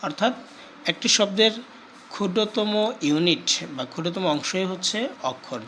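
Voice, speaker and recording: A male teacher giving a grammar lesson, repeating key terms slowly and asking questions he answers himself. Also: on the high side, bright, forceful tone, slight background noise, low-quality recording.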